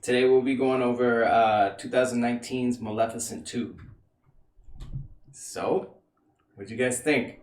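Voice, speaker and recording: A man's voice: medium pitch, fairly even intonation, unhurried, pauses often, darkish tone, far from the mic. A young man hosting a casual film chat, hesitant and laughing often, stumbling over names. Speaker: podcast host. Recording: echoey room, voice a bit off-mic.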